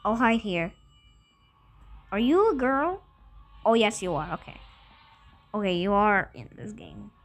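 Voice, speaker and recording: A woman giving casual let's-play commentary, excitable and jumpy, repeating her words as she chatters. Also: mid-range voice, a little slow, long pauses, faint music behind. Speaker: gamer.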